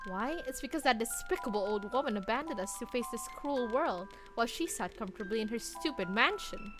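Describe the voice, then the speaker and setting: Brief: woman voicing a quietly venomous villain mother, cold and contemptuous, faint music under. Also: fairly high pitch, animated, a little fast, close to an everyday voice. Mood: coldly vengeful. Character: vengeful scheming mother, cold and bitter.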